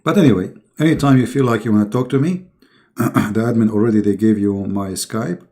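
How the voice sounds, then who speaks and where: Hoarse man hosting a live stream. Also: on the low side, a little fast, a little mellow. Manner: chatty, keeps clearing his throat and coughing. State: hoarse, losing his voice. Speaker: online debate host. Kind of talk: live-stream talk to viewers.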